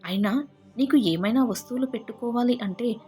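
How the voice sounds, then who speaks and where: A woman voicing a soft-spoken young husband, loving but secretive, with no change of voice from her own. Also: fairly high pitch, a little fast, faint music behind, pitched above the performer's own voice, lightly acted. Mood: evasive.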